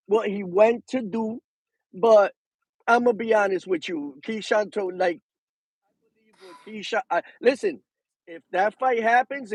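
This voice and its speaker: A man telling a story in casual chat, animated and slipping into Spanish. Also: high voice, dry recording, rough recording. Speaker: boxing show guest.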